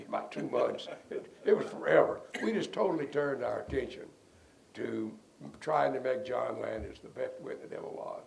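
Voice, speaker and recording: Older male lawyer, gravelly voice, folksy anecdotal interview delivery. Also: medium pitch, normal speed. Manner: rambling, relaxed storyteller who chuckles at his own stories. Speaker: defense lawyer being interviewed.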